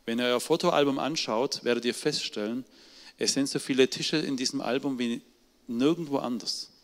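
A middle-aged man preaching a sermon, telling his testimony with strong emphasis, his voice swinging from loud to hushed. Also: medium pitch, moderate pace. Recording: long hall reverb.

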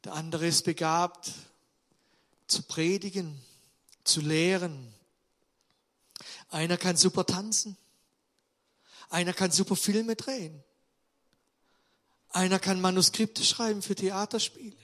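Man, preacher, sermon, slow deliberate pace, emphatic stresses and quiet asides. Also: high-pitched, steady tone. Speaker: pastor.

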